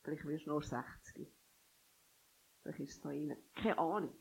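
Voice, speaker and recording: A woman's voice: sits low, moderate pace, vocal fry, a little mellow, slight background noise, low-quality recording. A woman preaching a sermon who reads scripture and urges listeners, with sudden emphatic bursts.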